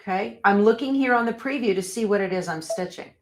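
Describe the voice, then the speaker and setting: A woman with a medium-pitched voice talks fast while running a live stream on machine embroidery. As the instructor sets up her machine in a sewing room, she thinks out loud and chats with her viewers.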